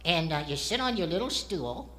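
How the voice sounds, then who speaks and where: Squeaky boy ventriloquist dummy, cheeky and naive, bright, swooping delivery for stage comedy. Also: big pitch swings, moderate pace. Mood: earnest, cheeky. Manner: cheeky, naive comic answers.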